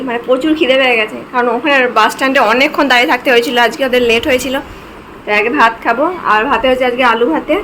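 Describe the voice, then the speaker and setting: A woman's voice: high-pitched, noisy background. A woman chatting to her viewers as friends in a casual home vlog, filmed at home. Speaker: vlogger.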